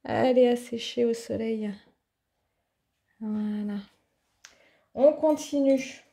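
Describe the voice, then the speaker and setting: Slow, mellow-voiced French woman. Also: a little high, creaky. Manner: unhurried, chatty, thinking aloud with many fillers. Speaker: art tutorial host. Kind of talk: casual craft demonstration. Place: home office.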